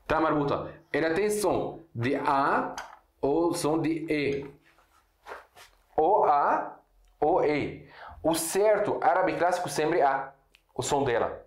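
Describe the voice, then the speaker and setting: Arabic-speaking man teaching in an echoey room. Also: a little high. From Syria. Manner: explains slowly with repeated examples and frequent check-ins. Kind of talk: casual video lesson at a board.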